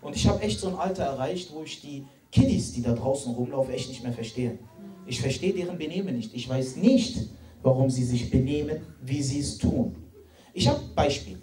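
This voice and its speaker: A man's voice: mid-range voice, lively intonation, moderate pace, mellow. A man in his late twenties doing stand-up comedy on stage, chatty and talking straight to the crowd. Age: late 20s. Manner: chatty, many fillers and restarts, addresses the crowd. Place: stage in a hall. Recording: echoey hall, mic far off, crowd laughing.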